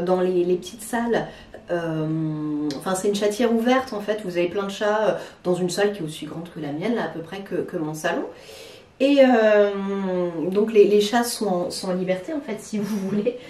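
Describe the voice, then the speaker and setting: A chatty woman from France talks casually to camera, pausing often and restarting her sentences. Her voice sits at an ordinary middle pitch and carries the echo of her living room. The camera picks her up from a few steps away. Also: dark tone. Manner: chatty, hesitant, many fillers and restarts. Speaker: plant vlogger. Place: living room at home among plants. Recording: roomy, from a distance.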